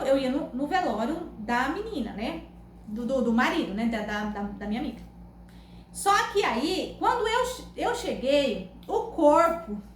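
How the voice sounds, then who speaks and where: High-pitched Brazilian woman, lively swooping voice, loud and laughing storytelling, echoey room with faint noise. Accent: Brazilian Portuguese. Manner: animated, loud, laughing and exclaiming. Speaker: vlogger telling stories. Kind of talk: casual storytelling to camera.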